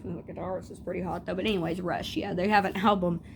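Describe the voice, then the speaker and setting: Quick and steady in tone, a young woman's fairly low, scratchy voice carries a casual chat as she shows off makeup at home. She's a beauty vlogger who keeps drifting into tangents.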